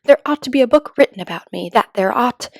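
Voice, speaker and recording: Woman playing Alice, a curious high-voiced little girl. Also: animated, fast talker, no echo, studio quality. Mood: wondering. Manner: musing aloud to herself. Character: curious, self-chiding little girl, dreamy and prim. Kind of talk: children's storybook read-aloud.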